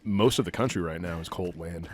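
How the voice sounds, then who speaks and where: A man's voice: low voice, fairly quick. A man in his thirties chatting casually while playing a game, rambling and interrupting himself, swearing offhand. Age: 30s. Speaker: let's play host. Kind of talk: casual gameplay chat.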